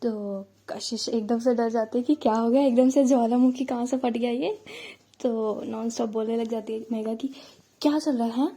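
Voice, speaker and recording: A woman's voice: a little high, flat delivery, moderate pace, dark tone. A woman storyteller narrating a romance in a chatty, conversational way. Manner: chatty, conversational retelling with fillers.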